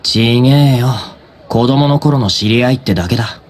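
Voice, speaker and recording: A man voices a blunt, laid-back high school boy in a Japanese anime game, using casual, gruff, slangy phrasing. He sounds offhand, with a natural voice at normal speed.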